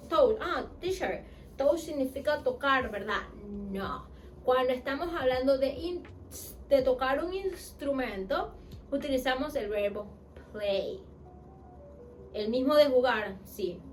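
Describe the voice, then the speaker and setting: A woman with a high voice teaches a language lesson at an unhurried pace. She spells out patterns and slowly repeats each English example sentence. She often asks the learner a question and then answers it herself. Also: a little hiss or hum, low-quality recording.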